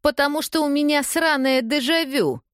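A woman's voice: medium pitch, expressive, a little slow, no echo, clean studio sound, voice pushed up, close to an everyday voice. A woman reading an audiobook, voicing a hurt young woman who confronts her lover in a raised, pleading, accusing voice.

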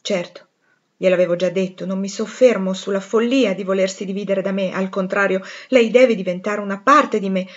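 A woman voicing a proud, passionate gentleman in an audiobook reading, intense and pleading. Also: mid-range voice, normal speed, muffled recording, natural voice.

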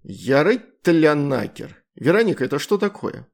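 A man's voice: a little high, brisk, natural voice. Man doing a stern exasperated wizard.

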